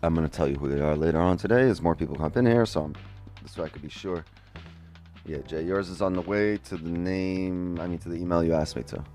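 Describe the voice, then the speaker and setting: Brisk and low, with a darkish tone, the man's voice comes through a headset mic as he chats about his trades during a live stream. This day trading streamer talks loosely to chat, curses occasionally, and has faint music playing in the background.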